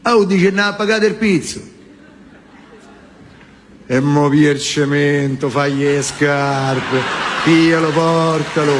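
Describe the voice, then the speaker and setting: A man's voice: a little high, background noise. A man voicing a bossy Roman would-be mafia boss in comedy, with a Roman accent, rambling commands that slide into gibberish. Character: coarse Roman man barking gangster orders. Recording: stage hall reverb, music behind.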